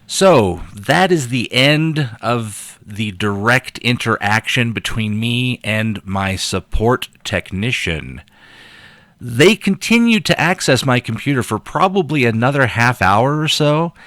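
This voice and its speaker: A man giving casual explanatory narration in a measured, wry way, as the host of his own recording. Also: medium pitch, expressive, a bit bright, no room sound.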